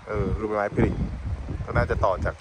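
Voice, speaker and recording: A man's voice: on the low side, level tone, a little fast. A man giving casual, chatty travel commentary outdoors by a mountain river, thinking aloud as he walks and tastes food. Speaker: travel vlogger. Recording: loud outdoor background noise.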